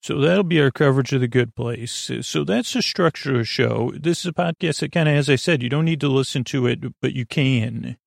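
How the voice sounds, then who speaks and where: This is a man hosting a bedtime podcast, his creaky, medium-pitched voice rambling haltingly as he stammers, restarts and slips into tangents. The recording has studio quality and no room sound.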